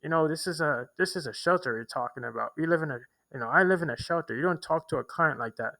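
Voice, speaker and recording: A man's voice: fairly high pitch, fast talker, creaky, pushed and bright, low-quality recording. A young man telling a long, rambling personal story to the camera, full of restarts and repeated words. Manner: rambling, repetitive, with many restarts and fillers. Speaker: vlogger. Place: homeless shelter in a big city.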